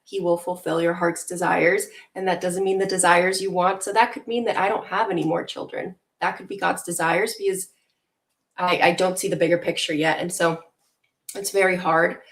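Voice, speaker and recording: A young woman born in Venezuela talks as an interview guest, earnest and reflective. Her voice sits a little low for a woman, and she often pauses on small fillers as she gathers her thoughts. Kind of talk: casual interview talk.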